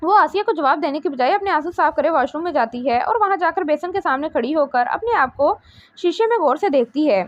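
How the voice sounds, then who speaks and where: High-voiced woman narrating a novel. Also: a little fast. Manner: steady storytelling. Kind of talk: scripted narration of a romance novel. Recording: dull lo-fi recording.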